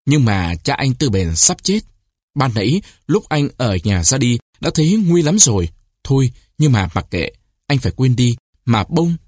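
Husky, lively male storyteller. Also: medium pitch, no echo, clean studio sound. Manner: expressive storytelling, lifting the voice for cries and quoted shouts. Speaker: narrator. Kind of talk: audiobook reading of a short story.

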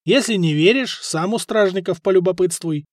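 A man voicing a thin young man who speaks calmly and with light mockery, in an audiobook. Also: high voice, normal speed, dry recording, clean studio sound, voice pushed up, lightly acted. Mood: mocking. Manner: calm, lightly mocking.

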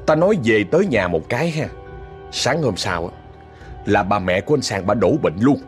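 A man's voice: lowish voice, big pitch swings, moderate pace, faint music behind. A man with a Southern Vietnamese accent telling a story in a chatty way, talking straight to his listeners. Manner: chatty, addresses listeners directly, indignant asides. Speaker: ghost story narrator. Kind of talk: casual spoken storytelling.

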